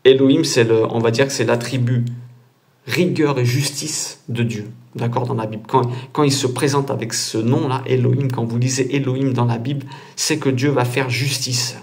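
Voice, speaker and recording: A man's voice: medium pitch, fairly even intonation, moderate pace, a little mellow. A man teaching as a patient instructor, walking through a diagram step by step and often checking whether listeners follow. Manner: patient, explains step by step, many "d'accord?" check-ins. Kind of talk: casual teaching over a diagram.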